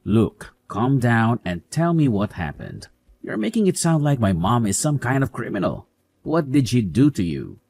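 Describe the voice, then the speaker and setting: A man's voice: mid-range voice, very animated, moderate pace, vocal fry, darkish tone, no room sound. Guy doing a smug dismissive young husband, voice swooping way up and down, dry close sound. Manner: mocking, dismissive. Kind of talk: animated story voice acting.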